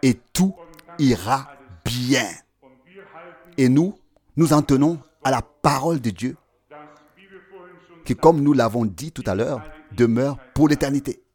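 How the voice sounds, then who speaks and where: A man delivers a sermon in a mid-pitched voice. His delivery is emphatic, lifting into a sing-song preaching cadence on key phrases. He then drops to quieter, hushed remarks. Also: slow, pauses often, slightly rough.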